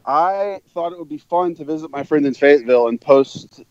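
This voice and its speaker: A man's voice: fairly high pitch, brisk, darkish tone, no echo. A man on a call in a heated debate, taunting and insulting the other side. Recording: muffled dry call audio.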